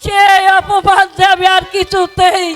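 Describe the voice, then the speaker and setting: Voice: very high-pitched, completely flat delivery, unhurried, fairly bright tone, soft background music. A performer playing a distressed, protective queen and mother in hammy, declamatory folk theatre style, with dramatic repetitions. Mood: shocked, distressed. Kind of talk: Bengali jatra folk theatre acting.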